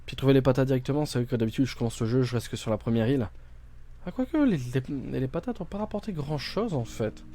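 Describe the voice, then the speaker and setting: A man's voice: medium pitch, animated, fast talker, dark tone. A man playing a video game on stream, thinking aloud with many fillers and restarts, reading game text out and translating it. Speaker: gaming streamer. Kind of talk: casual let's-play commentary.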